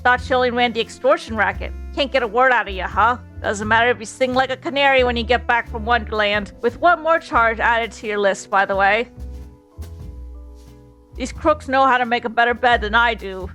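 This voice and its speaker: A woman voicing a gruff male 1930s detective in a put-on Brooklyn accent, with a tough streetwise drawl. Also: a little high, a little fast, a bit bright, faint music behind, natural voice.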